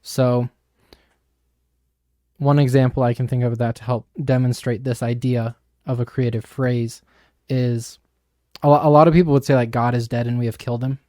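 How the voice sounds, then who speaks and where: A man's voice: mid-range voice, flat delivery, moderate pace, pauses often, dark tone, dry recording, clean studio sound. A young man co-hosting a podcast, explaining ideas from a book in a thoughtful, casual way. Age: young adult. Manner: thoughtful, explanatory, with frequent fillers. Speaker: podcast co-host.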